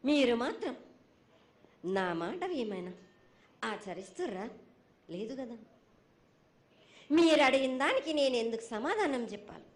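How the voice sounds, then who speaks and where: High-pitched Telangana woman in prophetic trance. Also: sing-song, measured pace, pauses often. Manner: declamatory, repetitive, chanting, scolding as a goddess. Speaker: oracle speaking as the village mother goddess. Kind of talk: prophetic trance voice, ritual oracle pronouncement.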